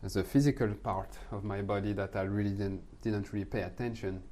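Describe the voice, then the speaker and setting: A middle-aged French man with a French accent, speaking as a podcast guest in a calm, thoughtful way, sometimes searching for words. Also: fairly low pitch, brisk. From France. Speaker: guest, manifestation coach. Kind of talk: podcast conversation.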